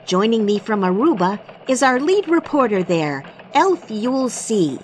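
A cheerful elf anchorwoman, voiced by a woman hosts a playful holiday radio newscast. Her slightly high voice swoops lively between phrases, with a faint hiss under it. The delivery is polished and upbeat. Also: measured pace. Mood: bright. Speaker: news anchor.

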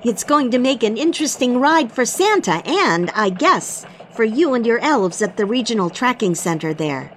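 A woman's voice: fairly high pitch, very animated, moderate pace, few pauses, a little hiss or hum. A woman playing a cheerful elf news anchor. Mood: bright. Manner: upbeat, polished anchor delivery. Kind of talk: mock radio newscast.

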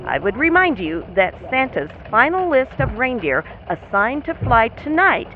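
A woman's voice: on the high side, big pitch swings, unhurried. Tinny-sounding Christmas elf reporter played by a woman. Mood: urgent, concerned. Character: female Christmas elf field reporter, urgent and serious. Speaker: field reporter. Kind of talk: scripted mock radio news report. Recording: tinny phone-like line with clear noise.

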